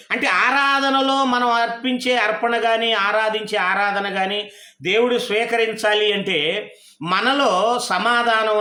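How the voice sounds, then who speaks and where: A male preacher with a high, bright voice delivers his sermon in an echoey worship hall. He keeps throwing rhetorical questions at the congregation. The sound is roomy, with plenty of hall reflection. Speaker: pastor.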